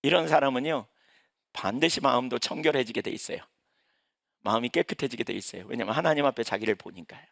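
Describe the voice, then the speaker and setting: A man's voice: mid-range voice, fast talker, creaky, a bit bright, dry recording, clean studio sound. A male pastor preaching a sermon in a conversational way, asking the congregation questions as he goes.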